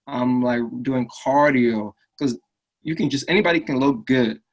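A Liberian man who owns a fitness business speaks as a guest in a casual interview, earnest and upbeat, often ending lines with "right?". His voice is mid-range and moderately paced, and the recording is rough.

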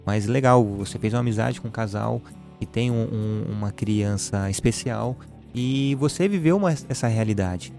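A man's voice: fairly low pitch, normal speed, vocal fry, darkish tone, soft background music. A Brazilian man hosting a podcast, agreeable and reflective, often ending points with a question tag. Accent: Brazilian Portuguese. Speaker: podcast host. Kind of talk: casual chat.

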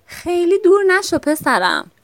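A woman voicing a gentle, kind mother speaking tenderly to her young son in a children's storybook. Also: mid-range voice, no room sound, natural voice. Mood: calling out. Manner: soft, tender.

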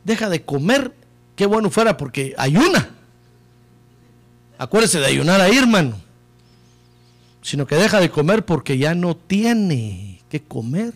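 A man preaching a sermon with passion, dropping to low murmurs and rising to shouted peaks, often calling listeners "brother". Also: big pitch swings, measured pace, long pauses. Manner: keeps addressing listeners as "hermano". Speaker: pastor.

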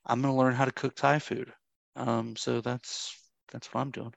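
A man from Florida chats casually on a podcast in an easygoing, rambling way. His voice sits mid-range with a gravelly fry, and the sound is close and dry. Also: medium pitch, little pitch movement, normal speed, no echo. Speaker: podcast co-host. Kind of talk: casual chat.

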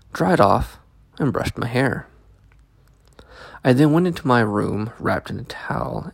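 A man narrating a scripted first-person story as a host, with a gravelly, creaky voice, close to the microphone. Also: medium pitch, no room sound. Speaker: host and story reader of a podcast.

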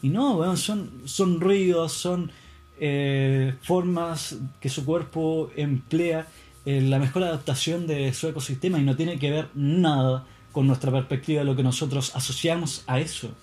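A man's voice: fairly high pitch, steady tone, measured pace, darkish tone. A man in a casual monologue, rambling and musing with plenty of swearing.

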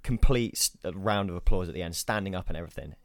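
A man's voice: deep voice, quick pace, dry recording, studio quality. A young man, chatting enthusiastically on a podcast, hesitating and repeating himself often. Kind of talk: casual chat.

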